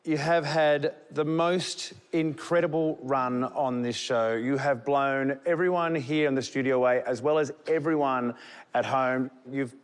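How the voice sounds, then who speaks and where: A man hosting a game show like a booming prize announcer, with dramatic pauses and drawn-out emphasis. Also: clean tone. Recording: studio show with loud music and crowd. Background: music and audience.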